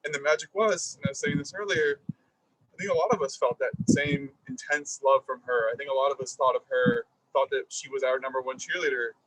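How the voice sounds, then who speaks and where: A man giving a reflective, halting eulogy at a graveside service. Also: medium pitch, fairly even intonation, fairly bright tone, dry recording, far from the mic, rough recording. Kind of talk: eulogy speech. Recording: husky voice picked up from afar.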